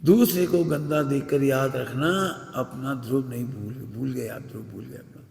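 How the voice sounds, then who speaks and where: A man's voice: medium pitch, steady tone, normal speed, vocal fry, a little mellow. A man giving a religious sermon in a temple hall, speaking bluntly and emphatically, scolding his listeners. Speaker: religious teacher. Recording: echoey hall with long reverb.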